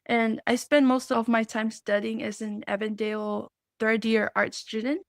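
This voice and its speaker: Young woman from Samoa, bright and earnest. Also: on the high side, flat delivery, normal speed, no echo, studio quality. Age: young adult. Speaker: guest. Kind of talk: podcast interview.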